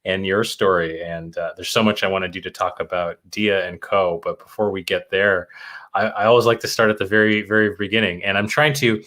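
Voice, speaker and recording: This podcast host has a low, steady voice with a fairly bright quality and speaks fairly quickly. Chatty and enthusiastic, he conducts a casual interview, asking long, rambling questions.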